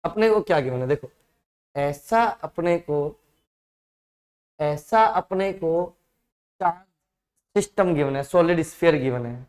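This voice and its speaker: A man's voice: a little high, expressive, takes it slowly, long pauses, darkish tone. Hindi-speaking male physics teacher. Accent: Indian. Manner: addresses students as "beta", explains step by step with frequent checks. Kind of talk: online exam-prep lesson.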